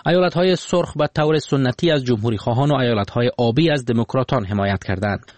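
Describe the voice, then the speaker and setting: A man with an Afghan Dari accent presenting the news in a steady, formal reading voice. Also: medium pitch. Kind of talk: news report.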